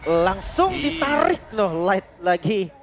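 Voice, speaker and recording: A man's voice: sits high, very animated, takes it slowly. A man with an Indonesian accent giving colloquial, exclamatory commentary on an esports match. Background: music.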